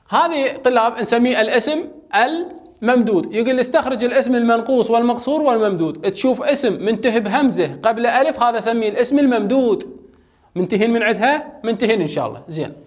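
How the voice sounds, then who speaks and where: A young adult male teacher with an Iraqi Arabic accent, giving a chatty lesson and asking his students questions, then answering them himself. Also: extremely high pitch. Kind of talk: casual classroom lecture.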